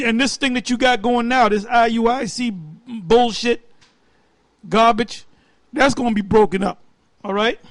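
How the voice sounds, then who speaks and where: A man with a very high voice, preaching in a scornful, fiery way and slowing right down to read old-style verses word by word. The recording is dry and close. His delivery swings between cutting remarks and solemn reading. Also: no echo. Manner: scornful and fiery, reads verses slowly and deliberately. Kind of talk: heated religious commentary with scripture reading.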